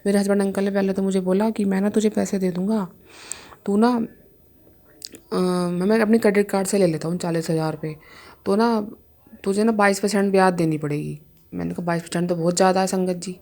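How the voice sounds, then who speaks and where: A woman's voice: medium pitch, fairly even intonation, fairly quick, a little mellow. A young woman giving an emotional personal testimony to a congregation, addressing listeners often as she tells her story. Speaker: devotee sharing a testimony.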